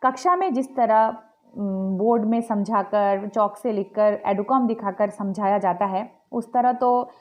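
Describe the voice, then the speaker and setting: A woman teaching grammar in a home-recorded lesson, spelling words out letter by letter in a slow, deliberate way with filled pauses. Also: mid-range voice, soft background music. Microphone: home video recording.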